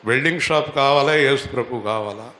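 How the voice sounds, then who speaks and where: Man preaching a sermon in an echoey hall. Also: fairly quick. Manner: asks the congregation questions and has them repeat lines; rising to loud, high exhortation. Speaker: pastor. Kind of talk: Telugu church sermon. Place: church hall.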